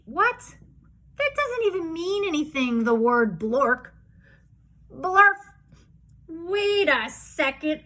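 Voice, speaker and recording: Woman preschool teacher, storybook read-aloud, clear bright tone, slow and playful. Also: sits high. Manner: playful, mock-outraged protests. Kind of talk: reading a storybook aloud to young children.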